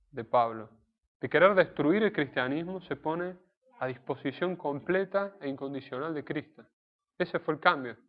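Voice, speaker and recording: Man, sermon, conversational, restates points, muffled lo-fi recording. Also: on the high side. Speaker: preacher. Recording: dull lo-fi recording.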